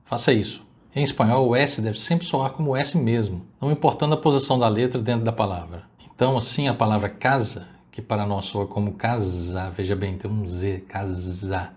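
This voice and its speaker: Brief: male language teacher, native Portuguese speaker, patient recorded lesson, stretches out example words slowly. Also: on the low side, a little mellow. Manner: slow, drawn-out model pronunciations of Spanish words. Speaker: Spanish teacher.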